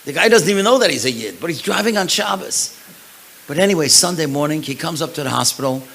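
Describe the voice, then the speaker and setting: A man's voice: fairly high pitch, quick pace, gravelly, low-quality recording. A man, a rabbi and lecturer, telling stories in a lecture at a synagogue event and acting out the people in them. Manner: animated storyteller, acts out the people in his stories. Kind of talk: storytelling lecture.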